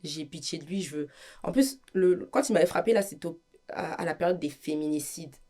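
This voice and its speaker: A woman's voice: sits low, brisk. A woman with a French accent, a guest giving an emotional testimony, acting out the lines of the people in her story. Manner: animated storytelling, acts out quoted dialogue.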